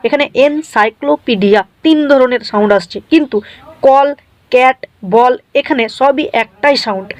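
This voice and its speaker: A woman teaching English spelling in a scripted video lesson, explaining briskly and often checking in with the viewer. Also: sits high.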